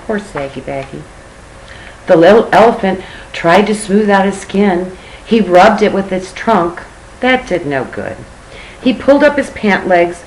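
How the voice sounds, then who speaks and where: Grandma type woman reading a kids story out loud, lowish voice, chatty little asides, bit of noise. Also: rough recording. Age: older. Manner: expressive, with chatty asides to a child.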